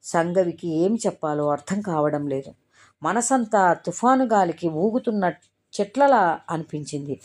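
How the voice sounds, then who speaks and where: A woman storyteller narrating a drama in a calm, measured reading. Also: on the low side.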